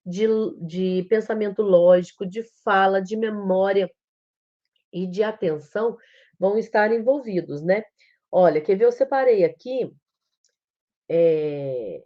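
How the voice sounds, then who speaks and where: A woman's voice: medium pitch, highs cut off. A woman with a Brazilian Portuguese accent giving a live-streamed talk as an educator, explaining things step by step and acting out how a child talks. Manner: explains slowly, acts out a child's speech. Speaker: psychomotricity educator.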